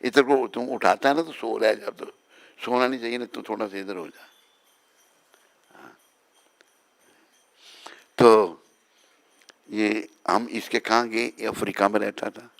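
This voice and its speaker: A man with a low, gravelly voice gives an informal spiritual talk to his devotees. He teases them in a chatty way and keeps checking with them whether he is right. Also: fairly even intonation, measured pace, long pauses, a bit bright. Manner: teasing, chatty, keeps asking the listeners if he is right. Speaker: swami giving a morning talk.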